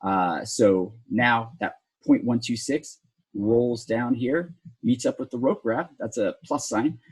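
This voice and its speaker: Husky-voiced man teaching rope rescue math. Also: mid-range voice, darkish tone, low-quality recording. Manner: explanatory, talks through calculations step by step with sarcastic asides. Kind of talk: technical lesson at a whiteboard.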